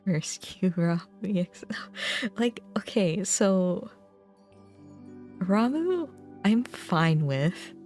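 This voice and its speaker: A woman streamer chats casually with her viewers during a gaming stream, rambling and poking fun at herself. Her voice is fairly low and expressive, with a somewhat dark tone, and she talks very slowly over faint background music.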